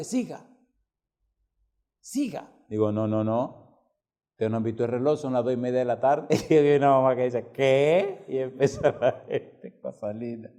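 A man's voice: mid-range voice, warm tone. A man preaching a sermon, asking the congregation questions and telling a funny story. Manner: asks the congregation questions and tells stories with humor. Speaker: pastor.

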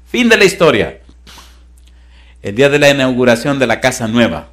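Animated male pastor preaching. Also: mid-range voice, normal speed. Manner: animated preaching, shifts from loud calls to hushed storytelling. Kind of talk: sermon.

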